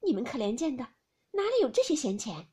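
A woman reading aloud as a bantering, sharp-tongued noble lady who scolds with a laugh. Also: high voice, big pitch swings, brisk, slightly rough, voice pushed up, full character voice. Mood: teasing.

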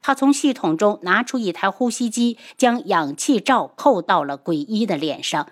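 A woman reading a novel aloud as an audiobook narrator, in expressive scripted narration. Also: medium pitch, normal speed.

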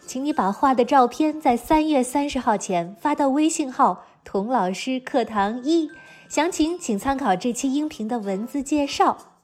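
A woman's voice: high-pitched, lively intonation, normal speed, a little mellow, faint music behind. A woman hosting a children's lesson, telling stories as if reading to a young child, with exaggerated emphasis and frequent questions. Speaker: children's teacher and storytelling show host. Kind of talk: animated storytelling for young children.

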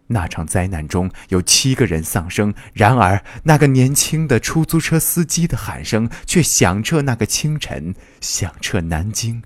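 A man's voice: fairly low pitch, big pitch swings, unhurried, hardly any pauses, no echo. A man reading a short story aloud in an earnest, dramatic way. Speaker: reader.

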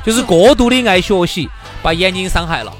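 A man's voice: high voice, brisk. A man with a Sichuanese accent co-hosting a radio talk show, joking in casual banter and repeating phrases for effect. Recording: music bed behind the voice.

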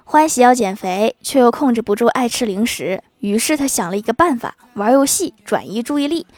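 A woman's voice: on the high side, expressive, a little fast, a little mellow, dry recording. A woman hosting a podcast, reading out jokes and listener comments and adding playful, teasing remarks after each one. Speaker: podcast host.

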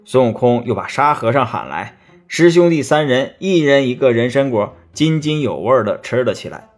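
A man narrating a classic tale in an expressive storytelling manner. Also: medium pitch, normal speed, faint music behind.

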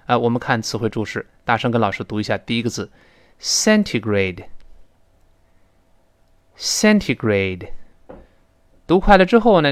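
A male teacher explaining English words, spelling them out and modelling their pronunciation. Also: mid-range voice. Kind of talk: spoken English lesson.

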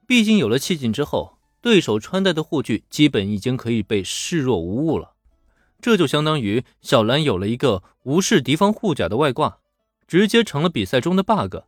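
A man's voice: mid-range voice, fairly quick, dry recording, studio quality. A man narrating a serial story in a chatty, colloquial manner. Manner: chatty, animated, colloquial asides. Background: faint background music.

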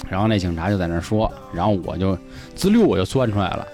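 A man tells a long story on a casual podcast. His pitch swings up and down a lot, and he acts out each exchange. Faint music plays under him. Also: fast. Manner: animated, acts out quoted dialogue, laughs often. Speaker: podcast host.

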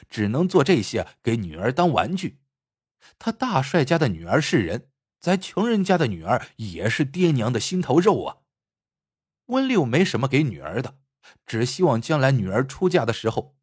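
A man narrating a folk story in an expressive, scripted storytelling style. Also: mid-range voice, slightly rough, no echo, clean studio sound.

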